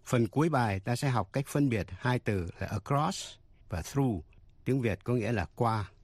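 A man presenting a radio English lesson, speaking slowly and carefully and giving English example sentences. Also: medium pitch, noisy background. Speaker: English teacher.

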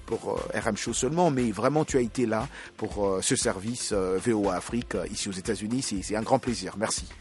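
A man hosting a radio show, greeting listeners and joking with a guest in a lively, casual way. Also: lowish voice, fairly quick, hardly any pauses. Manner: lively, jokey, laughs often. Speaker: radio host.

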